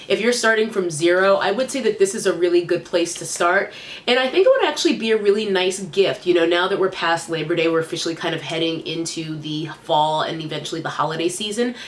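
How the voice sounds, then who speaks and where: Talking quickly and animatedly, this young woman reviews hair products in a cheerful, chatty vlog shot in a small room. Her pitch is fairly low, her cold makes her sound stuffy and nasal, and there's slight background noise.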